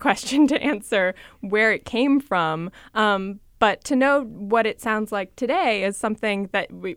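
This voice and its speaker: A woman's voice: medium pitch, fairly bright tone, no echo, studio quality. A woman reporter explains her story on the radio in a chatty way, with some fillers.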